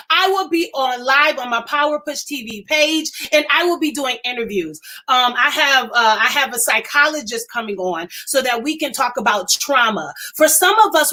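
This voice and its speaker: High-pitched woman preacher hosting a live stream: fervent, emphatic, repeats lines, stumbles when fired up. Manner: excited and emphatic, repeats phrases, stammers when worked up.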